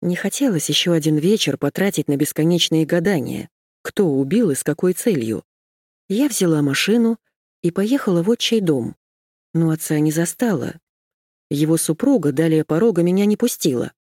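A woman narrating a first-person audiobook in a measured, even manner. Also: low voice, dry recording, studio quality.

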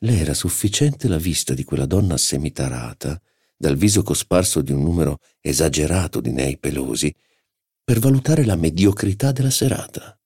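Deep, husky male audiobook narrator. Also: no room sound, clean studio sound. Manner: measured, expressive reading.

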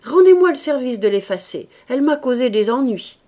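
A woman's voice: high voice, expressive, fairly quick, dark tone, pitched above the performer's own voice. A woman voicing a distracted middle-aged man who nervously denies rumors about his wife, vague at first and then stammering. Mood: distracted, defensive.

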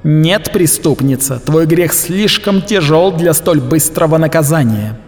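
A man doing a stern canoness, loud, firm, raised pitch. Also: a little slow, long reverb tail, faint music behind, natural voice. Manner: loud, firm, pronouncing judgment. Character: stern female canoness, cold and authoritative.

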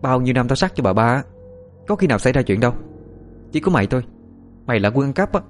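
A man voicing a spiteful young female servant who talks in a shrill, sneering, threatening way. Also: very animated, moderate pace, a bit bright, soft background music. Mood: defiant sneering.

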